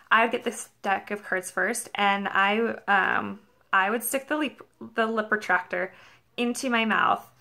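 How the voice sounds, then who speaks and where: A young American woman gives a casual, rambling review to camera at home. Her voice is bright and forward with plenty of vocal fry, and she drops "like" into her storytelling often. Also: medium pitch. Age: young adult. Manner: rambling, animated storytelling with frequent "like". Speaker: vlogger reviewing a product. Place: carpeted living room at home.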